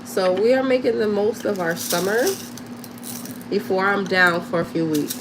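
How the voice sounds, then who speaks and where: A woman's voice: mid-range voice, moderate pace, background noise. A woman with a New York accent chatting casually and directly to viewers as she hosts a live craft tutorial. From Harlem, New York, USA. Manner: chatty, addresses listeners directly. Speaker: craft livestream host.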